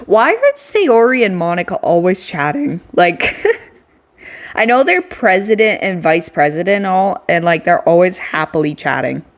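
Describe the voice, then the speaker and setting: A woman's voice: fairly low pitch, big pitch swings, unhurried. Female streamer, chatty and giggly, talks straight to her viewers during a live game read-along. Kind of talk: live game playthrough commentary.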